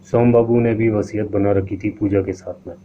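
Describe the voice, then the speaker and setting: A man narrating a scripted horror story in a steady storytelling manner. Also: on the low side, moderate pace. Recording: tinny lo-fi line with faint hiss.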